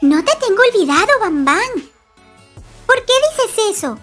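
A woman's voice: very high-pitched, unhurried, faint music behind, pitched above the performer's own voice, heavily acted. A woman doing a patient mother creature. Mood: gentle. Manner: soothing, calm.

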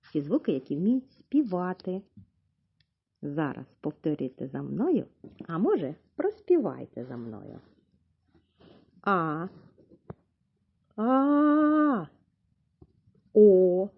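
A woman teaching a literacy lesson to young children, sounding out letters slowly and clearly for them to repeat. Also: on the low side. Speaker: preschool teacher. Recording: dull lo-fi recording.

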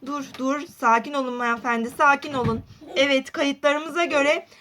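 A woman's voice: sits high, steady tone, normal speed, fairly bright tone, a little hiss or hum, voice pushed down. A woman voicing a stern adult male police officer who scolds firmly in a doll roleplay. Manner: firm, scolding.

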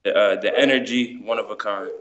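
A New Jersey man, an amateur musician and guest storyteller, chats casually and explains things in informal slang. His voice is lowish and brisk, coming through a phone held close on a dull lo-fi video call, with crowd noise.

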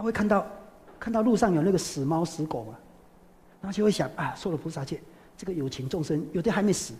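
A Buddhist teacher giving a sermon, telling a story with lively, sighing interjections. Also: mid-range voice. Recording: long hall reverb.

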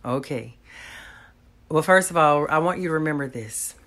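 A woman's voice: deep voice, normal speed, fairly bright tone. Woman, 30s; sincere to-camera testimony, close phone mic, small home room. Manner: earnest, talks straight to viewers, faith-filled. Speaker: vlogger.

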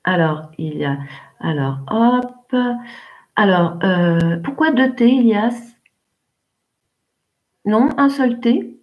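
A woman's voice: medium pitch, slow pace, pauses often, highs cut off. A woman teaching English in a live online class, encouraging pupils and calling on them by name. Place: home, remote teaching.

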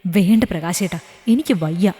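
A woman voicing a worn-out young wife who speaks softly and pleads. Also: lowish voice, moderate pace, roomy sound, in a large hall, soft background music, natural voice. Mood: pleading. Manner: soft, pleading.

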